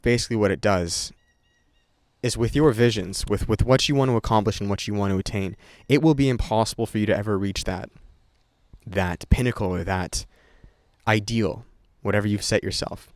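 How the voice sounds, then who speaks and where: On the low side in pitch and at a normal speed, a young man vlogs casually and unscripted to camera. He rambles and swears liberally with lots of restarts, captured in clean studio sound without echo.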